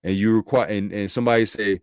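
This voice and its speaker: A man with a lowish voice gives casual scripture commentary in slangy, profane street talk. He thinks aloud, restarts and corrects himself as he works things through. The recording is dry and close, with no room echo. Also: fairly even intonation, fast, clear, resonant tone. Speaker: bible commentator.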